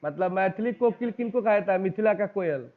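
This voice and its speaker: With a high voice, lively intonation and a fairly quick pace, a male teacher with a Bihari Hindi accent conducts an exam-prep lesson. He reads each question and its options, asks the class which is right, and repeats the answer back, all captured in a tinny, phone-like recording.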